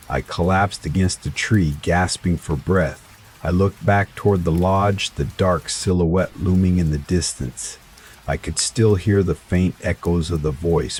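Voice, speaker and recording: A man narrating a first-person horror story in a slow, dramatic scripted style. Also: very deep voice, a little mellow, slight background noise. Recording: faint rain sounds behind voice. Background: rain ambience.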